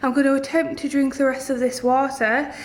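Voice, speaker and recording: Young woman vlogging, chatty and rambly, kinda tired, bit high voice. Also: little pitch movement, fairly quick, slight background noise. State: a little out of breath and tired. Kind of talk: casual vlog chat.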